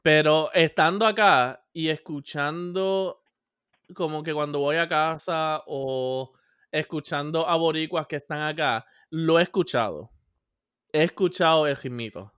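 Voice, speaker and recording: Young Puerto Rican man, casual talker, slightly high, dry close sound. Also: unhurried, fairly bright tone, clear, resonant tone, no echo. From Puerto Rico. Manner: chatty, mixes English words into Spanish. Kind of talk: casual chat.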